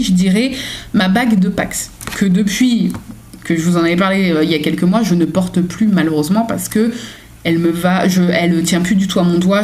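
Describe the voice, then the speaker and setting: A woman's voice: lowish voice, a little mellow. A young woman chatting casually on her home vlog, reading daily journal questions and answering them with lots of fillers and self-mocking asides. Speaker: vlogger.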